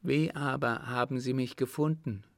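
An indignant, flustered count with a raised, incredulous way of questioning, as a man puts him on in a higher voice. He sounds slow and gravelly, as if reading from a storybook, with a dry, close sound. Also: fairly even intonation, dry recording, close to an everyday voice. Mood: surprised.

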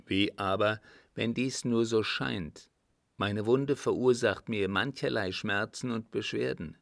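Man reading as an earnest young officer, calm and formal, low gravelly voice, slow, dry sound. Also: dry recording. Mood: resigned. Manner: calm, measured and formally polite. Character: earnest young male army officer, wounded.

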